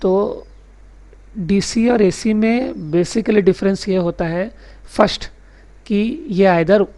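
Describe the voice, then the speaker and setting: A man teaching a recorded electronics lesson, explaining step by step and reading out English definitions slowly. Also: high-pitched, fairly even intonation, warm tone. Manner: mixes English technical terms into his speech. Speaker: electronics tutor.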